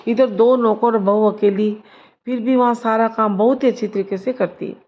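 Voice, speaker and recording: Woman storyteller, measured read-aloud delivery, lo-fi sound. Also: on the high side, fairly even intonation. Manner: slow, measured reading, lifts voice for the mother-in-law's lines.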